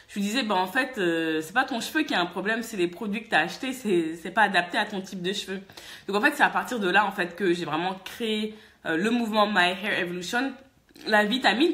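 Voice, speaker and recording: A French woman vlogger from France, telling a casual, chatty story and laughing often. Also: mid-range voice. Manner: lively, chatty, laughs often, many fillers. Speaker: vlogger and hair-care business owner.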